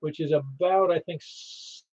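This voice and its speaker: A man's voice: fairly high pitch, unhurried, darkish tone. A chatty, rambling man casually hosting an amateur radio net, reading out call signs. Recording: slightly dull radio recording.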